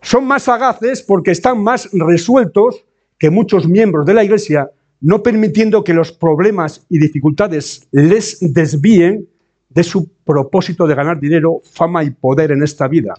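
A man preaching a sermon, often asking rhetorical questions and slowing down to stress key words. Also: a little high, a little mellow. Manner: rhetorical questions and tag checks like eh and no. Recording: dull lo-fi sound.

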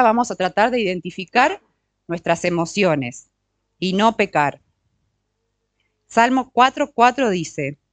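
A middle-aged woman leads a teaching session, steady at a mid pitch for a woman, and her voice sits close and dry with no room sound around it. She keeps checking in with her listeners through short tag questions and slows down to stress key words. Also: no room sound. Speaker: workshop speaker on marriage and emotions. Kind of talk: teaching talk with audience interaction.

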